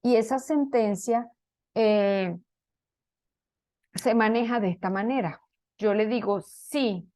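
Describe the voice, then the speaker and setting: A woman's voice: fairly high pitch, takes it slowly, pauses often, dark tone. A woman teaching a programming class, walking students through code step by step and checking in with frequent questions of "¿ok?". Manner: explains step by step, many fillers and restarts, asks "¿ok?". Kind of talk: online class lecture.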